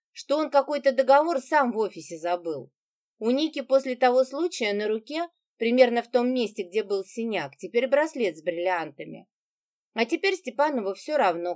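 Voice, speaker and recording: A woman narrating an audiobook, giving each character's lines lively shifts in pitch.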